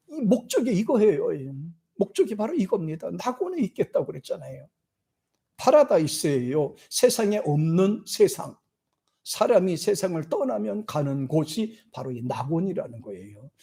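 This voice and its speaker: A man's voice: sits high, big pitch swings, moderate pace, mellow, breathy edge. A man preaching a church sermon as pastor, acting out scripture figures in quoted lines and leading the congregation in reading verses together. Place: church sanctuary.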